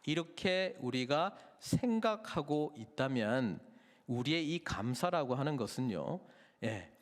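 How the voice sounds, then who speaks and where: A man's voice: mid-range voice, long reverb tail. A male pastor preaching a sermon, putting rhetorical questions to the congregation. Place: church sanctuary.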